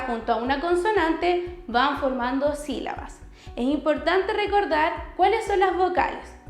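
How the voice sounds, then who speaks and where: Chilean teacher lady, high voice, slow clear and patient with little kids, echoey room, faint music behind. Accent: Chilean Spanish. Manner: slow, clear, patient explaining with questions to children. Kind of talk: recorded remote class for first graders.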